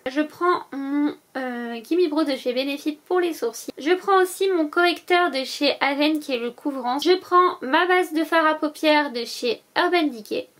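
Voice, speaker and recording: A woman's voice: high voice, measured pace, few pauses, fairly bright tone. A woman vlogger talking casually to her viewers, listing items one by one with many hesitant fillers. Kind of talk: casual packing-list vlog.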